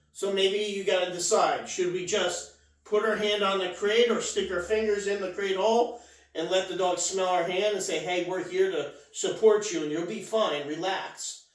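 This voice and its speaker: Man dog trainer in an echoey room. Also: high voice. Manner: repeats "all right?" as a check-in, restarts words. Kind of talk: casual instructional talk. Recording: echoey room, mic off at a distance.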